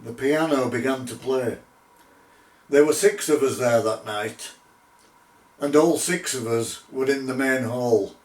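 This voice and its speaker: A middle-aged man telling his own paranormal investigation story in a measured, deliberate way, with pauses. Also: mid-range voice. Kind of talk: unscripted spoken storytelling. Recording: roomy echo, distant microphone.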